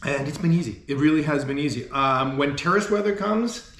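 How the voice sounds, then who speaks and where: A man's voice: fairly high pitch, expressive, a little fast, a bit bright. A man hosting a casual vlog in a chatty, rambling way, in an empty apartment that echoes like a stairwell. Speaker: vlog host. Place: almost empty apartment, indoors. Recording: echoey bare room, like an echoing stairwell.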